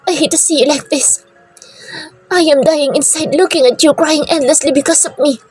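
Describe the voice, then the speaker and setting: A woman voicing a devoted young man who soothes his lover in soft, murmured pleas. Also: sits high, moderate pace, soft background music, pitched above the performer's own voice, close to an everyday voice. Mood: tender pleading.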